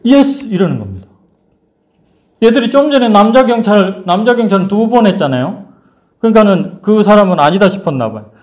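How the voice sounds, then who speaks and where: A male pastor preaching a sermon, telling a story in a lively, playful way. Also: high-pitched, brisk.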